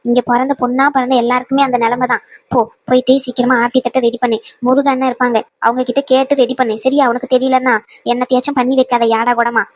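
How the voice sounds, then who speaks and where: A woman's voice: high-pitched, flat delivery, fast talker, dry recording. A woman voicing a wise old grandmother in a cartoon, scolding and advising by turns. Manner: scolding yet soothing, full of advice. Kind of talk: cartoon voice acting.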